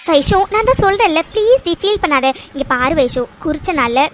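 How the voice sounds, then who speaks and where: A woman voicing a caring young woman in a cartoon who gently reassures her frightened friend. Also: extremely high pitch, normal speed, faint music behind, pitched below the performer's own voice. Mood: reassuring. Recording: steady background hiss.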